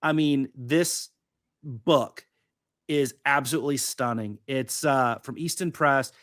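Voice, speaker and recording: A man's voice: medium pitch, slow, a bit bright, dry recording, studio quality. A man co-hosting a podcast in casual chat, rambling with lots of fillers. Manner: rambling, enthusiastic, many fillers. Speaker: podcast co-host.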